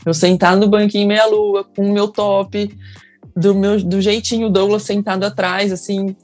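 A woman's voice: medium pitch, level tone, normal speed, darkish tone, soft background music. A young woman with a Brazilian Portuguese accent telling her birth story in casual talk, emotional and acting out the people she quotes. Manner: emotional, acts out quoted people in raised voices.

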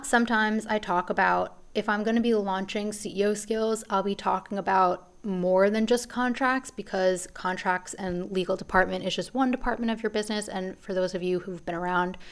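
Her voice mid-range and clean in tone, a woman hosting a business podcast talks casually through a rambling monologue. She's slightly breathless and frequently starts her sentences over.

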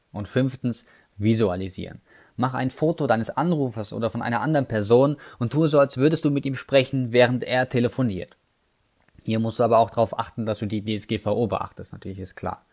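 A sales trainer with a mid-range, darkish voice speaks fairly quickly, explaining sales call techniques. He addresses the listener directly, running through numbered tips and throwing in casual asides.

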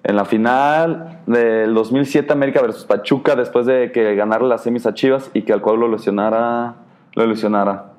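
A young Mexican man hosting a casual podcast, his speech loose and salted with slang and swearing. He tells stories in an animated way, leaning on fillers at every turn. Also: mid-range voice, normal speed. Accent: Mexican Spanish. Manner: slangy and profane, animated storytelling with many fillers. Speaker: podcast host. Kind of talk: casual chat.

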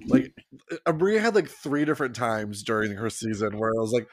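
A man co-hosting a podcast, telling things in a relaxed way full of fillers. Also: fairly low pitch, fairly quick, dry recording, studio quality. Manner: relaxed, filler-heavy storytelling. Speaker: podcast co-host. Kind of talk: casual chat recap.

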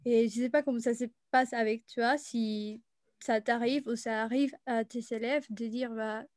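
A woman's voice: fairly high pitch, fairly even intonation, normal speed, darkish tone, no echo. Chatty woman teacher, dry close sound. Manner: chatty, lots of fillers. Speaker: French teacher. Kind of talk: casual conversation.

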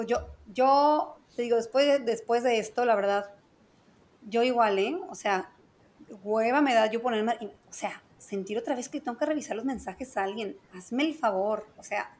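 A woman's voice: on the high side, slight background noise. A woman with a Mexican Spanish accent chatting casually as a podcast co-host, speaking frankly and repeating phrases for emphasis. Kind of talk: casual chat.

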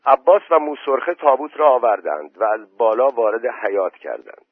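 Husky man reading a story, phone-tinny. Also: mid-range voice, dry recording. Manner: plain steady storytelling. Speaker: narrator. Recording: dry tinny phone-like voice message.

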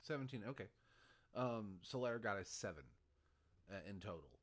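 A man's voice: fairly low pitch, animated, moderate pace. A man running a tabletop game as game master, rambling and correcting himself, laughing often.

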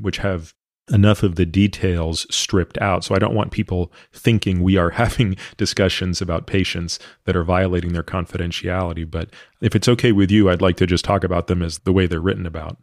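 A man's voice: low voice, fairly even intonation, fairly quick, no echo, studio quality. A man in his thirties hosting a podcast interview, earnest and thoughtful, explaining his views at length. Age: 30s. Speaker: podcast host. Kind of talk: long-form interview conversation.

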